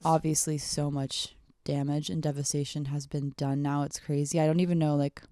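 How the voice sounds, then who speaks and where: A young adult woman, hungover, chatting casually on her solo podcast in a halting, rambling way that often trails off, with vocal fry. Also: sits low, flat delivery, warm tone, dry recording, studio quality. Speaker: podcast host.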